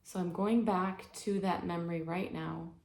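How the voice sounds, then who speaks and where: A woman leading a guided healing exercise, speaking in a gentle, soothing way, step by step. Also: fairly low pitch, fairly even intonation, moderate pace. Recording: echoey room with faint ambience.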